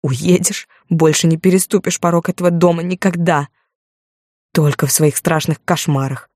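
A woman's voice: lowish voice, fairly even intonation, moderate pace, a little mellow, no echo, studio quality, natural voice. A woman reading an audiobook, voicing a cold, contemptuous man who speaks in curt, commanding phrases.

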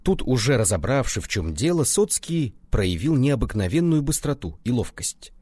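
A man reading a folk tale aloud as audiobook narration, including its footnotes, in an animated way. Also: mid-range voice, normal speed, slightly rough, no echo. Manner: animated, reads notes aloud. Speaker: audiobook reader. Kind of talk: expressive scripted narration.

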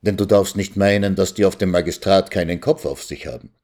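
Stern lecturing old lawyer, scolds loud and insistent, read by a man. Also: sits low, brisk.

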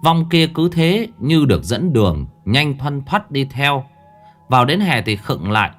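A man's voice: medium pitch, a little slow, faint music behind. A man narrating a ghost story in a dramatic storytelling manner. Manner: dramatic, animated.

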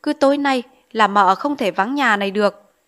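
A woman voicing a strict, domineering old mother-in-law who fusses and scolds in a hurried way. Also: a little high, fairly bright tone, natural voice. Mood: coaxing.

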